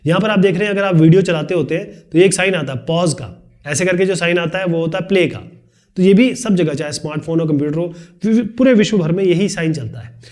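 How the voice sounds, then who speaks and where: A man teaching a fast-paced lesson, talking quickly and chattily, explaining with everyday examples and light asides. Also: high voice, a little mellow. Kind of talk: fast-paced Hindi tutorial lecture.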